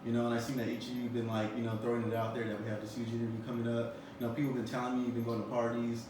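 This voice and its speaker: A man's voice: medium pitch, monotone, very fast. A man in his twenties hosting an interview, rambling with lots of "you know" and "um" fillers. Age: 20s. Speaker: interview host. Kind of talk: casual interview. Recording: roomy echo, far from the mic, background noise.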